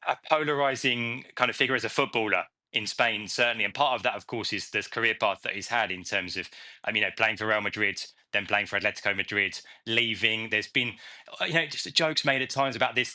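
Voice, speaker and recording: Male football pundit, quick and bright-toned, reflective panel talk. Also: medium pitch. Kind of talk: studio panel discussion.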